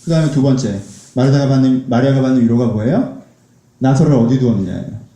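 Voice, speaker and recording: A man's voice: mid-range voice, quick pace, dark tone. A man preaching a sermon as a pastor, speaking conversationally and asking his congregation questions. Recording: echoey church hall.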